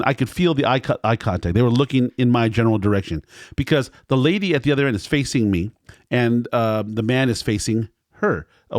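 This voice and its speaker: A man's voice: mid-range voice, dry recording. A man tells the story of a night out at a restaurant, with a mid-range voice close to the mic in a dry room. He rambles, circles back, and repeats words as he goes. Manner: rambling, repeats himself, acts out what staff said. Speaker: restaurant reviewer. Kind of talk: casual recounting of a meal.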